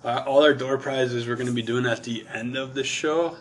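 A man's voice: mid-range voice, steady tone, moderate pace, a little hiss or hum. A man co-hosting an event live stream, explaining merchandise and prizes casually, with plenty of fillers. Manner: announcing details with fillers. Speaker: event co-host.

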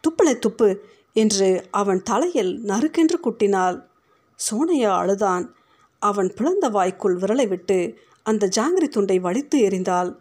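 A woman reads a short story aloud in a steady, expressive way. Her voice sits at a middle pitch, and she paces the narration evenly. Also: measured pace.

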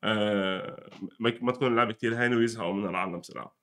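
A man's voice: on the low side, very fast, a bit bright. A young man with a Lebanese Arabic accent chatting casually about gaming, mixing in English gaming terms. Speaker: gaming commentator and guest. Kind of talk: casual conversational gaming news chat.

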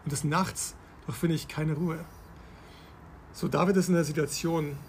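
A man with a slightly high, gravelly voice walks through scripture in relaxed conversational teaching. He reads verses aloud, then explains them and checks in with his listener. Faint noise sits under the recording. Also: moderate pace. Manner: explains scripture step by step, asks the listener questions. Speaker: podcast host.

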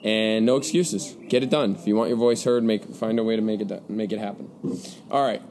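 A man's voice: lowish voice, fairly even intonation, fairly quick. A man in his twenties with a congested, stuffy nose, hosting a casual podcast in informal, upbeat slang. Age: 20s. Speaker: podcast host. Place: outdoors by a pool. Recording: outdoor recording with clear background noise. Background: birds, people and music.

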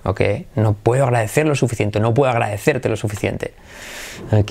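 A man with a Spanish accent from Spain teaching English, drilling phrases slowly and switching to quick explanations. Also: mid-range voice. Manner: repeats phrases slowly for learners to copy. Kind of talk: bilingual English lesson.

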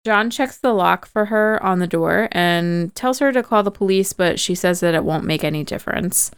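A woman with a very smooth, resonant, crisp voice, pitched a little low, talks through a film's plot in a relaxed, chatty way. She leans on "like" and "kinda" as she goes. The sound is dry and close. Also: moderate pace, dry recording. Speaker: podcast host. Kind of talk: casual movie recap.

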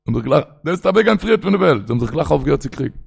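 Gravelly-voiced rabbi preaching in Yiddish. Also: male voice, fairly high pitch, sing-song, very fast. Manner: rambling, storytelling, quoting sources in a singsong. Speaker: rabbi giving a Torah talk. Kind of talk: Yiddish sermon on the weekly portion.

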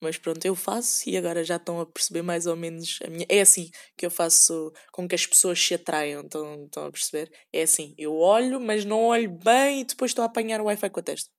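A woman's voice: fairly low pitch, steady tone, fast, hardly any pauses. A young woman with a European Portuguese accent, rambling sarcastically in a casual solo podcast and acting out quoted voices. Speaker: podcast host.

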